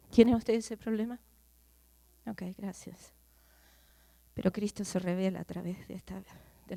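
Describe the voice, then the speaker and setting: A woman preaching a sermon, questioning her listeners directly and swinging from loud outbursts to hushed, near-whispered lines. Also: medium pitch, dry recording. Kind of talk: sermon to a congregation.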